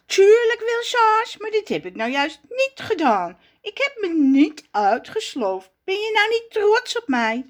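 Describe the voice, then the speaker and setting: A woman's voice: very high voice, sing-song, measured pace, hardly any pauses, pitched above the performer's own voice, heavily acted. A woman doing a clumsy, eager male ape. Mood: gentle. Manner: bright and earnest, gentle toward his friend.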